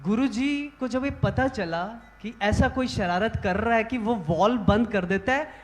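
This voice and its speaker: A man, a monk, telling devotional stories to a large gathering in an animated, emphatic way. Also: sits high, unhurried, big-room sound. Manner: animated, rising to emphatic exclamations. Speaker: monk speaking at a religious assembly. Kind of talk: devotional storytelling talk. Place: large gathering hall of monks.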